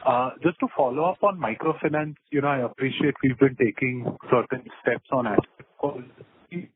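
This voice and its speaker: A man's voice: mid-range voice, moderate pace. A man on a conference call asking polite but probing questions over the phone on a breaking line. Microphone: phone handset. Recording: tinny phone line with faint noise.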